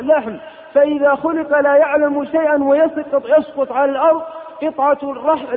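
A man preaching an impassioned sermon, scolding and rising to sharp outbursts. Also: extremely high pitch, a little hiss or hum. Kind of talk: fiery sermon. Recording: tinny old cassette in a hall.

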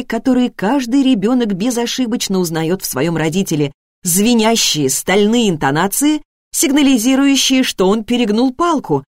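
A woman reading a novel aloud as narrator, with expressive storytelling that shifts tone with the scene. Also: mid-range voice, no room sound, clean studio sound. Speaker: audiobook narrator. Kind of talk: scripted narration.

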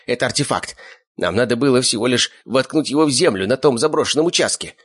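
Мужчина озвучивает тщедушного перепуганного пленника, который ноет, заикается и умоляет. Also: male voice, mid-range voice, lively intonation, fast talker, husky, pitched above the performer's own voice. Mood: frightened, whining. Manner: whining, stammering, pleading. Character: scrawny frightened male captive, whiny and cowardly.

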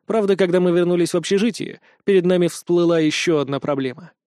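A man narrating an audiobook in the first person, dry and even-toned. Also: high voice, fast, smooth, no echo.

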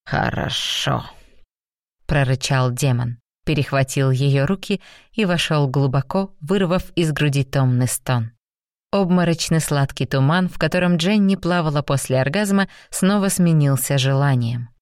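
A woman narrating a romance novel aloud in smooth, even storytelling. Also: low-pitched, normal speed, no echo, studio quality. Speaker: audiobook narrator.

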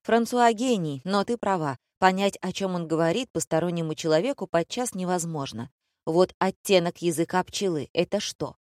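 A woman's voice: fairly low pitch, normal speed, a little mellow, no room sound. Woman narrating with dry ironic wit. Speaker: audiobook narrator. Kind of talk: first-person audiobook narration.

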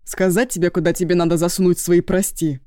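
A woman's voice: deep voice, steady tone, a little fast, dark tone, dry recording, studio quality, natural voice. A woman voicing a hot-tempered young man who feels betrayed by his friend, harsh and accusing. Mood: furious.

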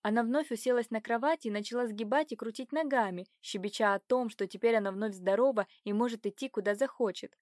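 A woman's voice: on the high side, no room sound. Woman narrating a novel in a dry booth. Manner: even, measured reading. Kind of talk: reading a romance novel aloud. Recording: dry close recording.

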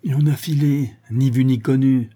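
Breathless tipsy sailor voiced by a man, loud and excited, dark husky voice, audiobook. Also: medium pitch, moderate pace, close to an everyday voice. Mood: alarmed. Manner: agitated, excited, raised voice.

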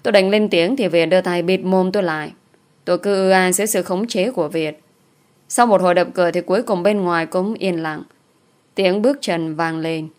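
A woman narrating a dramatic audio story in the first person, in a steady storytelling manner. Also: on the low side, a little fast.

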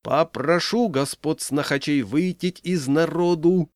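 A man voicing a burly bearded village man, shouting commands in folksy rustic speech. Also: medium pitch, sing-song, measured pace, no room sound, studio quality. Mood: commanding.

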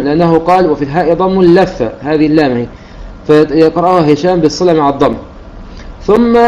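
A man gives a religious lesson in a methodical, repetitive teaching manner. His voice sits slightly high with a mellow tone. The recording is dull and lo-fi with a faint hiss behind him. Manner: methodical, repeats points, restarts words while counting. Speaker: Quran recitation teacher. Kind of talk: religious lesson explaining readings.

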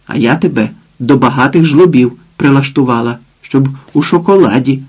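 A man's voice: medium pitch, moderate pace, a little mellow, husky, lightly acted. A man doing a coarse, nagging drunken mother. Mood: scolding, coarse. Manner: crude, nagging, threatening. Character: coarse drunken village mother, bossy and scolding.

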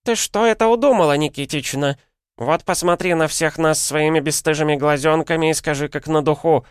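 A man voicing a shrill, quavering old village woman who scolds and accuses. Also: fairly quick, clean tone, dry recording, clean studio sound, lightly acted. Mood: scolding.

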